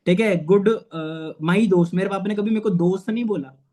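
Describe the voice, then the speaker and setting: Heard on an online meeting, this twenty-something man has a high, slightly mellow voice and speaks at a normal pace. As a network marketing manager, he gives a sincere, personal pep talk and frequently says "theek hai."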